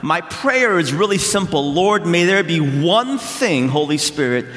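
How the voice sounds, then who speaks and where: With a fairly high pitch and big pitch swings, a middle-aged South Korean-born pastor delivers a conversational sermon full of gentle self-deprecating humor and thoughtful pauses. The large hall gives his voice a long, lingering echo.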